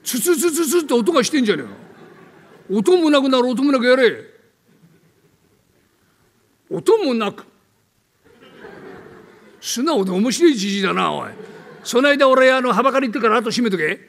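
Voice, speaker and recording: Older man playing a rough tenant, downtown Tokyo accent, gruff, teasing, raised pitch, raspy, hall echo. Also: big pitch swings, normal speed, pauses often, full character voice. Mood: brash, teasing. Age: 70s. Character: brash bullying rough male Edo tenant. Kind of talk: rakugo storytelling.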